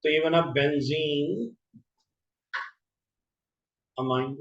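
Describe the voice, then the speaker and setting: A man teaching chemistry in a classroom, quizzing students by name and slowly repeating each compound name. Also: high-pitched, fairly bright tone. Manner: questions students by name, drills terms slowly. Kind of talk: classroom lecture. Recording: roomy, distant, dull lo-fi classroom audio.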